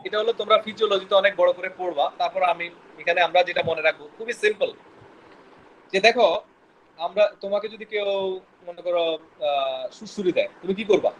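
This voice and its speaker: A man lectures a biology class at a quick clip in a high voice, often quizzing his students and stumbling over technical words. Faint room ambience sits behind him. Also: dull audio, slight background noise. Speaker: biology teacher.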